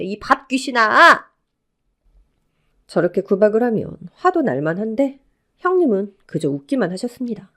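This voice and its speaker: A woman's voice: mid-range voice, mellow, natural voice. A woman voicing a domineering older mother-in-law who scolds and barks orders, in radio drama acting.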